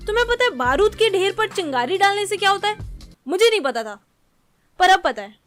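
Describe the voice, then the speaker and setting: High-voiced sarcastic woman storyteller. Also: brisk, music in the background. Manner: sarcastic, self-mocking, expressive. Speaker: animated storyteller. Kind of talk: comedic storytelling narration.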